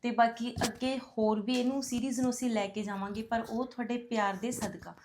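A woman hosting a web series talks fast in a fairly high voice as she thanks viewers. The homemade recording is noisy, with clicks behind her. Her appeal is grateful and earnest. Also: steady tone. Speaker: host of the series. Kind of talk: thank-you message to viewers.

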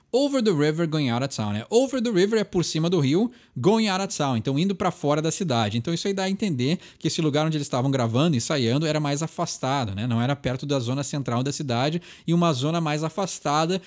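A man's voice: a little high, darkish tone. Brazilian man explaining song lyrics. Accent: Brazilian Portuguese. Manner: frequent tag questions, reads lyric lines slowly. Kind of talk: casual explanatory talk.

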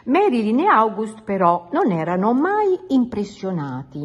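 A woman reading a picture book aloud to children in an expressive storytelling manner. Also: fairly high pitch, a little slow, slightly rough, highs cut off. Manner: animated, expressive.

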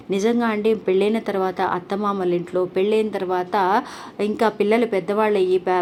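A woman's voice: mid-range voice, a little mellow, a little hiss or hum. A woman hosting a devotional channel, telling a story in an earnest, polite way with frequent restarts.

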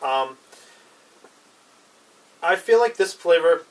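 In a slightly high, expressive voice, a young man speaks slowly while giving an unscripted review. His casual delivery is laid-back and somewhat hesitant, trailing off. A distant mic in the small, cluttered room with a brick wall picks up clear background noise.

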